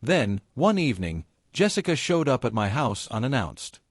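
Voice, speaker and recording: A man narrating a first-person story in a steady, scripted storytelling delivery. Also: mid-range voice, normal speed, dry recording, studio quality.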